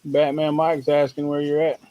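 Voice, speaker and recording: A man's voice: a little high, level tone, moderate pace, no room sound, dull audio. A man co-hosting a live stream, chatting casually and answering in short, laconic replies. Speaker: co-host.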